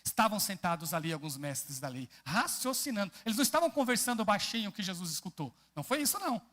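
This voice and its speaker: Animated Brazilian pastor preaching. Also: male voice, high-pitched, fast talker. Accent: Brazilian Portuguese. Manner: animated, often asks the congregation questions. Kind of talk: expository sermon. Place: church.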